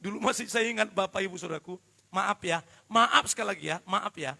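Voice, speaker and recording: A man preaching a live worship sermon, joking with the congregation and swinging from quiet asides to shouted emphasis. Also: sits high, fairly quick, vocal fry. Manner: addresses the congregation directly and often. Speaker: pastor.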